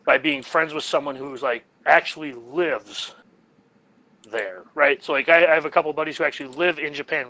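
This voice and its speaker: Jokey, bright-voiced man. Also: on the high side, low-quality recording. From United States. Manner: rambling and jokey, laughs at his own jokes. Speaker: podcast co-host. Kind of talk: casual podcast chat.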